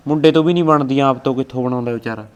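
A man playing an older father who gives slow, fatherly advice, with a rural Punjabi accent. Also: medium pitch, smooth, highs cut off, close to an everyday voice. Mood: weary. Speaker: father of a grown son. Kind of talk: family web drama acting.

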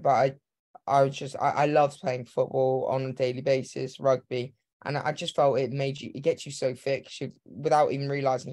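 A man's voice: mid-range voice, a little mellow. A man in his twenties who grew up in Hong Kong, a runner speaking on a video call, eager and rambling. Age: 20s. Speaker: guest, professional runner. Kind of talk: casual interview. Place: home room. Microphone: video call webcam.

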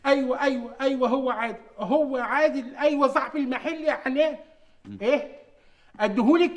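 Heartbroken chubby suitor, high whiny pleading voice, quick Egyptian delivery. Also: male voice. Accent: Egyptian Arabic. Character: overweight lovesick young man, whiny.

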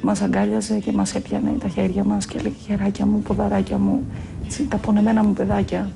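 Sex: man. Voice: high, strongly gravelly. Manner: tender, halting. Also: monotone, background noise. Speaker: interviewee, the singer's child. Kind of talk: emotional documentary interview.

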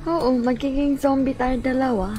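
A woman's voice: sits high, fairly even intonation, moderate pace, dark tone. A woman bantering playfully in a game roleplay, teasing and laughing easily. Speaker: roleplay player. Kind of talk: casual game roleplay chat. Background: game music.

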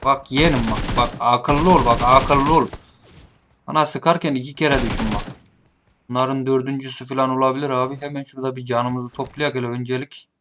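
A man talks through his gameplay, taunting his opponents. His voice sits mid-range, sometimes muttered and sometimes shouted. Faint noise runs under the recording. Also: medium pitch, fairly even intonation, fairly quick. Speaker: gaming streamer. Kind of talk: live gameplay commentary. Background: game gunfire.

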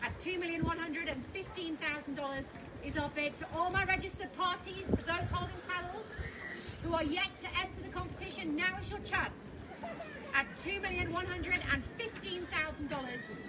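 A woman's voice: extremely high pitch, moderate pace. A woman in her thirties calling a live house auction outdoors with upbeat, persuasive patter, often repeating the current bid. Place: outdoors on a suburban street in front of a house. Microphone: far camera. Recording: loud street noise, distant camera audio.

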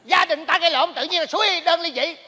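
A man's voice: very high-pitched, fast talker, pushed and bright, a faint crowd, a little hiss or hum. A man, joking and meddling in a stage comedy sketch. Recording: reverberant theater stage.

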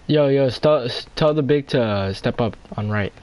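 A man's voice: medium pitch, normal speed, a little mellow. A young man in casual online game chat, talking like a slangy frat bro and giving bossy, exasperated callouts to his teammates. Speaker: online basketball gamer.

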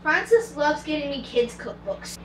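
A woman's voice: high-pitched, expressive, moderate pace, roomy sound, a little hiss or hum. A woman playing a bossy, prim young Englishman in an amateur cosplay comedy skit, giving orders in a dry way, filmed by a far camera in a home kitchen.

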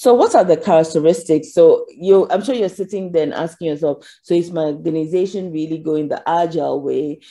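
A woman's voice: low voice, brisk, hardly any pauses, warm tone. A woman giving a conference keynote over slides, earnest, with frequent ums as she asks for the next slide. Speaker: keynote speaker.

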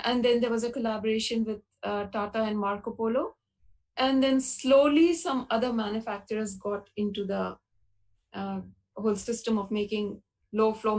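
A woman presents her slides in a webinar, her voice sitting a little high. She explains point by point at a steady, careful pace, often pausing on fillers. It sounds like a video-call recording. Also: rough recording. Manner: measured explanatory delivery with frequent uh fillers.

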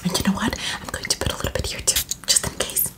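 A woman doing a whispered role-play as a hurried helper getting the listener ready, in fast ASMR whispering with short words repeated in quick runs.

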